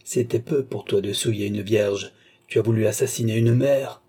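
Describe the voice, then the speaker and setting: A man voicing a furious young nobleman in an audiobook, raging and accusing, sometimes breaking into shouts. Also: medium pitch, measured pace, husky. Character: furious young male nobleman seeking revenge.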